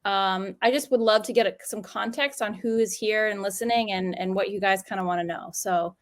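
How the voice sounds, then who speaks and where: Chatty upbeat woman hosting a webinar on a video call, mid pitch. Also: brisk. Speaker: webinar host. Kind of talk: casual webinar chat.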